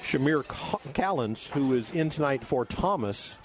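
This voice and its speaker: A man doing live high school football play-by-play as the announcer. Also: lively intonation, unhurried. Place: stadium press booth.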